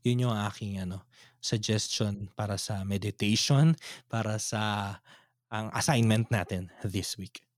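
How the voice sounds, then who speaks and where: A man co-hosting a podcast, speaking in a quiet, low-key way. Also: a little slow, no echo, studio quality.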